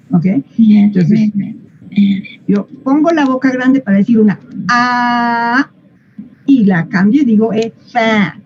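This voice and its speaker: Slow-spoken woman teaching English. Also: high voice, warm tone, muffled recording, a little hiss or hum. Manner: patient, playful, asks the class questions and models sounds. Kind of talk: classroom explanation.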